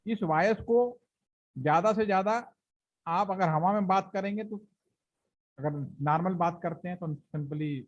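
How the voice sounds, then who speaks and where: A man with a fairly high voice and on his lectures a training class, explaining each point step by step. He poses questions to the room and answers them himself. The recording sounds dull and lo-fi.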